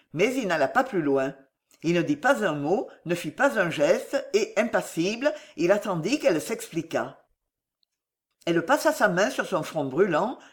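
A woman narrating a novel as an audiobook, in a dramatic, expressive way. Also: on the low side.

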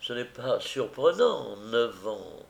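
Guy reading as a sad widower who rambles on slowly, gloomy and pleading. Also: mid-range voice, sing-song, gravelly, full character voice. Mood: wary. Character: troubled widower, middle-aged man, rambling, mournful.

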